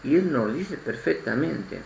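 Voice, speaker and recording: A man from Spain with a Spanish accent giving an informal spoken sermon, halting and restarting his phrases and repeating words as he goes. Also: medium pitch, sing-song, vocal fry, slight background noise. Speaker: lay preacher. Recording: echoey room, faint ambience.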